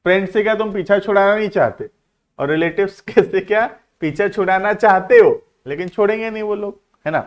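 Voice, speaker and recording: A man's voice: sits high, a little fast. A man teaching commerce in a classroom-style lecture, teasing his students with rhetorical questions and mixing English terms into his explanations.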